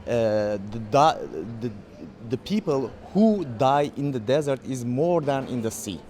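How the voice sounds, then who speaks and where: A man with a Turkish accent speaks English as a second language in an outdoor festival interview. His voice sits at a middling pitch, and he talks haltingly, with frequent "uh"s and restarts as he looks for words. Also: expressive, a little mellow, a little hiss or hum. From Turkey. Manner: hesitant non-native English, many fillers and restarts. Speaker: documentary filmmaker.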